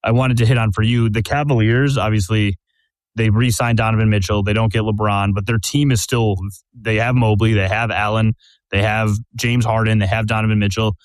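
A man's voice: on the low side, fairly even intonation, brisk, no room sound. A man hosting a podcast, steadily laying out questions and scenarios in casual sports chat. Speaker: podcast host.

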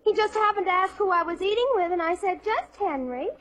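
A woman's voice: very high-pitched, brisk, fairly bright tone. An actress playing a polite, sweetly chiding teenage schoolgirl in an old-time radio sitcom.

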